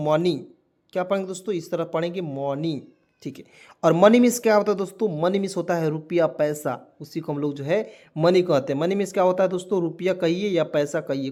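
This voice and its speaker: Male teacher with a high voice, spells words aloud letter by letter and quizzes viewers, patient lesson delivery. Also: darkish tone. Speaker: English teacher. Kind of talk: spoken lesson.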